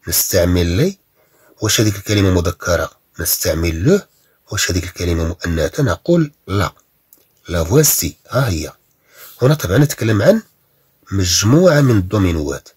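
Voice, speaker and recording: Male language teacher, Moroccan accent, husky and lively, reads slowly and repeats, dry sound. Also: sits low, no room sound. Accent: Moroccan Arabic. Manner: explains in Arabic, reads French sentences slowly and repeats them. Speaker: French teacher. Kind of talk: language lesson.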